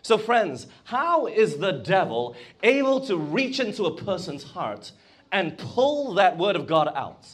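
A male preacher delivers a sermon at an unhurried pace and keeps stopping to question his listeners. His pitch sits a little high and swings widely as he presses each point. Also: slightly rough. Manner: lively, emphatic preaching with questions to the congregation. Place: church or conference hall.

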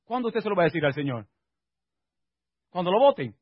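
A male pastor preaching a sermon, swinging from quiet asides to emphatic exhortation and firing rhetorical questions at the congregation. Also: high voice, big pitch swings, fairly quick, husky, dry recording, lo-fi sound.

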